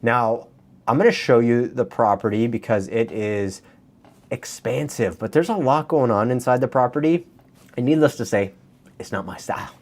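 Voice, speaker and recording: Talking directly to his audience, a Canadian-accented man walks through property listings in a friendly, conversational style for his real estate videos. His voice is mid-range and his pace moderate.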